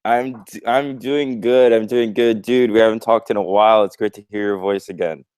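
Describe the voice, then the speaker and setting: A young man from Egypt with an American accent, a program manager talking in a relaxed, friendly way over a video call, with fillers and kept fairly quiet. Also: on the low side, normal speed, smooth, dry recording. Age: young adult.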